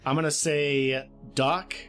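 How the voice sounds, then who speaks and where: A man narrating a tabletop role-playing game as game master in calm, descriptive storytelling. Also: on the high side, slow, soft background music.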